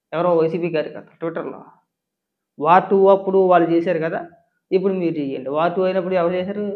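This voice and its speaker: A man's voice: fairly high pitch, dull audio. A man giving a political commentary rant, firing off sarcastic, indignant rhetorical questions.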